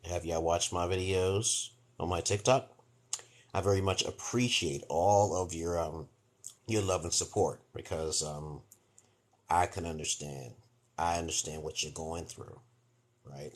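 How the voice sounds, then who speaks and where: New York man in his forties, very low voice, rambling livestream host giving advice, keeps asking "okay?". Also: slightly rough. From Brooklyn, New York, USA. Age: 40s. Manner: rambling, repeats "okay?" often. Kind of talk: casual livestream monologue.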